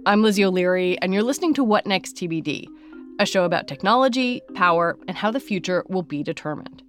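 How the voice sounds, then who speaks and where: A woman's voice: mid-range voice, animated, quick pace, faint music behind. A woman hosting a podcast, moving between scripted narration and interview questions. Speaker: podcast host.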